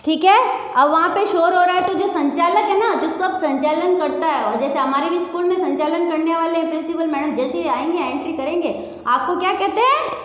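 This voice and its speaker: A woman's voice: very high voice, brisk, roomy sound, in a large hall. A woman teacher giving a classroom lesson to children, repeating key words and quizzing the class.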